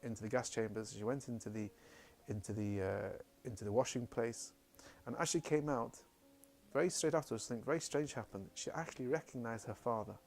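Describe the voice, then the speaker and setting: A man recounting a family story in a halting way, often repeating words. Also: mid-range voice, darkish tone, faint music behind. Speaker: speaker recounting family history. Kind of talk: spoken personal testimony.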